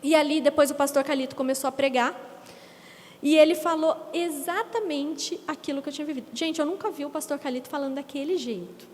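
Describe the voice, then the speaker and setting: A middle-aged woman shares her testimony from a church stage, her voice pitched very high. She tells the story in a lively way, acting out what others said. Long church-hall reverb trails her words through a handheld mic. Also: brisk. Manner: lively storyteller, acts out quotes, laughs often. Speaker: guest speaker giving testimony.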